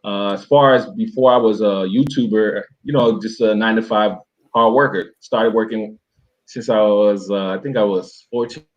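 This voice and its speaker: A man's voice: on the low side, steady tone, normal speed, highs cut off. A man from Miami, interviewed as a guest, telling his story in a loose, rambling way with many fillers and restarts. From Miami, USA. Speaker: interview guest, travel YouTuber. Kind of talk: casual conversational storytelling.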